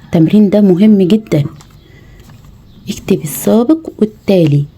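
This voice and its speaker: A woman's voice: mid-range voice, normal speed, dark tone, slight background noise. A woman with an Egyptian Arabic accent, teaching mothers how to tutor their children, patiently spelling out letters one by one. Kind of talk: home tutoring lesson.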